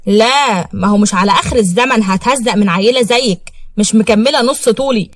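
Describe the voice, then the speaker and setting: A woman's voice: a little high, a little fast, no room sound, lightly acted. A woman doing a blunt Egyptian ex-cop. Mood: irritated. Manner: blunt, mocking, impatient. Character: gruff young man, a former police officer.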